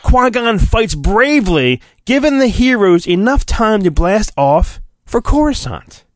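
With a high voice and big swings in pitch, a man performs a children's storybook as a mock-dramatic reading for his solo podcast. It's a dry recording. He leans into theatrical, drawn-out emphasis and throws in flippant asides.

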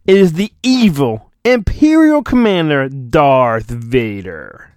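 A podcast host gives a mock-dramatic storybook reading, his mid-range, darkish voice very animated yet slow. He plays it theatrically and mocks himself, often breaking off to mutter asides.

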